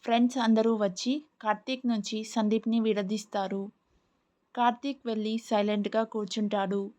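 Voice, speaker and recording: A woman's voice: a little high, moderate pace. Woman narrating a serial story. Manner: steady storytelling. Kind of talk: audiobook narration. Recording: muffled lo-fi recording.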